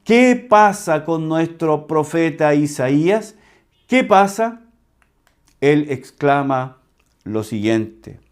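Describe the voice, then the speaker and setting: Chilean pastor preaching, slightly high voice. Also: male voice, big pitch swings, clean tone. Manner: slow, emphatic teaching with repeated key words. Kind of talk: sermon.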